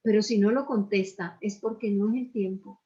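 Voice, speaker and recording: A woman's voice: mid-range voice, steady tone, moderate pace, warm tone. An older woman pastor, preaching in a conversational sermon with personal stories and rhetorical questions. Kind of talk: sermon dialogue. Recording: muffled lo-fi sound.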